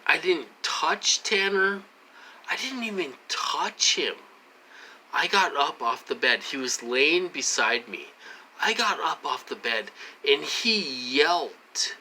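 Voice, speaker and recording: A man's voice: medium pitch, bright, forceful tone, slight background noise, low-quality recording. A man vlogging in a casual, rambling monologue while having a drink, repeating himself and asking "okay?" as he goes.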